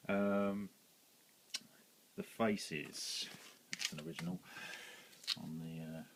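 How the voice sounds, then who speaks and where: A man's voice: sits low, steady tone, takes it slowly, noisy background. A British man casually showing his record collection, rambling with plenty of ums and self-corrections. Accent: British English. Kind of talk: casual show-and-tell vlog.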